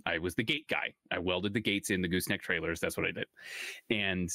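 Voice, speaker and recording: A man's voice: deep voice, brisk, vocal fry, no echo, clean studio sound. A man in his thirties co-hosting a casual chat, telling rambling stories. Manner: rambling storyteller, animated. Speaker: podcast co-host.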